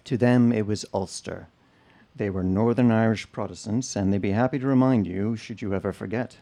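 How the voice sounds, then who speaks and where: A man from the United States telling a personal family story to an audience in a measured, explanatory way. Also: fairly low pitch, steady tone, creaky, mellow.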